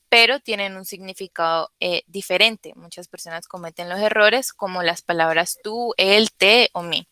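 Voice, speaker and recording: A young woman giving a class presentation over a video call, often pausing on "eh" fillers. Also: medium pitch, bright, forceful tone, clean tone, dry recording. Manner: hesitant, many "eh" fillers. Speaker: student presenter.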